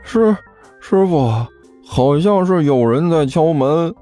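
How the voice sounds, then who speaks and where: A man's voice: on the high side, sing-song, unhurried, warm tone, faint music behind, voice pushed up. A male narrator voicing a meek young male apprentice who stammers and answers hesitantly in an audiobook story.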